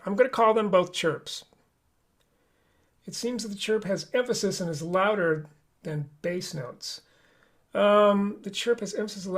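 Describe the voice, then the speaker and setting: A man teaching a live online flute lesson, explaining each step patiently. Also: high voice.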